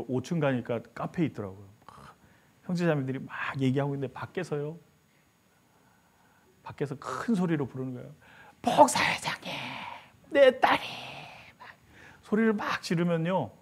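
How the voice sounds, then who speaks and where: A male pastor preaching a sermon, telling a story with lively acted-out voices. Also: medium pitch, normal speed, breathy edge. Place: church sanctuary.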